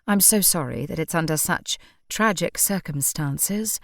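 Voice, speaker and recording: A woman's voice: sits low, a little slow, vocal fry, no room sound, clean studio sound. A woman playing a gushing, theatrical teacher. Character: gushing older woman, drama teacher, effusive.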